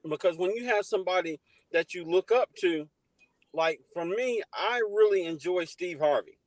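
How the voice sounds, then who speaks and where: Guy hosting a chill livestream, kinda high voice, dry close sound. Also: expressive, moderate pace, dry recording, poor audio. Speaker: livestream host. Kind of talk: casual livestream chat.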